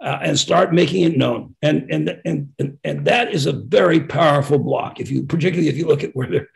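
A man's voice: fairly high pitch, a little fast, gravelly. A man speaking on a webinar panel, blunt and opinionated, with many stammered restarts. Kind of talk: policy discussion.

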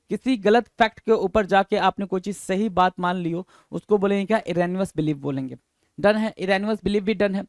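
A man teaching English vocabulary in a Hindi-English lesson, repeating each term and quizzing his listeners, drawing out the English words slowly. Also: sits high, darkish tone, no echo.

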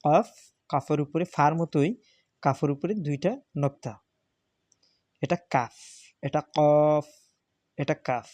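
A man's voice: on the high side, a little slow, pauses often, darkish tone, dry recording. Man, patient tutor, repeats letter names, dry recording. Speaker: Arabic alphabet teacher. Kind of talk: step-by-step spoken lesson.

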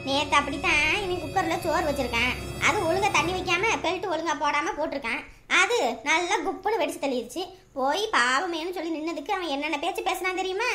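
Woman playing a shrill gossiping village woman. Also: fast, bright, forceful tone, a little hiss or hum. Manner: scolding, chatty, exclaiming. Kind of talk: Tamil village comedy drama acting.

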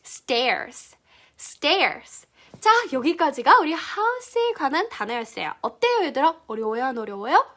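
A young woman teaching English pronunciation to children in an animated way, repeating each word slowly and clearly. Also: high-pitched. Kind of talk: children's lesson.

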